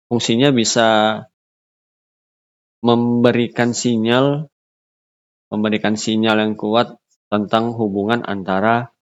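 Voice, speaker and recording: A man giving an unscripted lecture, pausing often with fillers and restarting his phrases. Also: on the low side, highs cut off. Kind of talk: recorded lecture.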